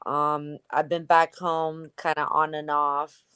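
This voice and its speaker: Young woman from Ukraine, podcast guest, slow relaxed delivery, dry close sound. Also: sits low, smooth, no room sound. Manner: relaxed, unhurried storytelling with fillers. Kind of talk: casual interview chat.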